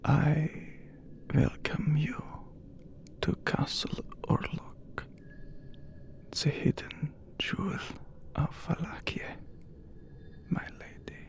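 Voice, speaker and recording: Man playing Count Orlok, whispering slow vampire lord. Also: a little high. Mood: courtly welcome. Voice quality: breathy whisper. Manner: slow, formal, archaic, imperious phrasing. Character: immortal male vampire count, haughty and courtly. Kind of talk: whispered ASMR roleplay.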